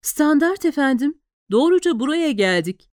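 A jittery young policeman, put on by a woman reading aloud, reports to his lieutenant, anxious and deferential. His voice sits noticeably higher than the reader's own, smooth and clear. The audiobook sound is close and dry. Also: animated, no room sound. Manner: anxious, deferential, hurried explaining. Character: nervous young male police officer.

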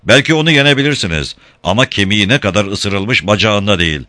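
A man voicing a big, gruff sailor who grumbles and protests in an audiobook. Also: fairly low pitch, lively intonation, fast, sharp tone, dry recording. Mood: urgent. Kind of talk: audiobook character voice.

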